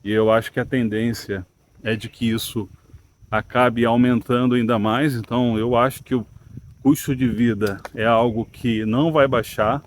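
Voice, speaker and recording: A man's voice: mid-range voice, fairly even intonation, moderate pace, slight background noise. Reflective Brazilian man talking to viewers. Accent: Brazilian Portuguese. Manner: reflective, questioning, uses many fillers like "né" and "tá". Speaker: channel host. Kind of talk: casual opinion monologue to camera.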